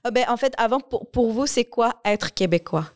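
A woman's voice: a little high, expressive, normal speed. A woman interviewing casually, reflective and colloquial, often rephrasing as she goes.

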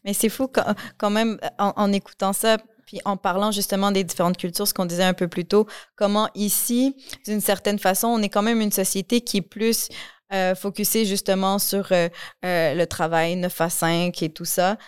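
A woman's voice: mid-range voice, fairly even intonation, normal speed, clear, resonant tone. A woman interviewing casually, reflective and colloquial, often rephrasing as she goes.

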